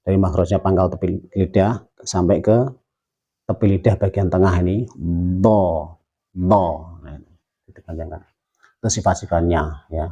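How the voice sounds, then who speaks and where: A man with an Indonesian accent, teaching Quran pronunciation patiently and repeating drawn-out syllables to demonstrate. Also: low voice, steady tone, warm tone, slightly rough. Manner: patient, explanatory, uses many fillers. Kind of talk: tajwid pronunciation lesson.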